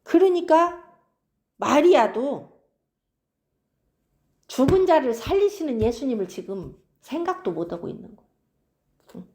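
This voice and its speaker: A woman's voice: high-pitched, sing-song, measured pace, pauses often, warm tone. A woman preaching an expository sermon, keeps prompting her listeners.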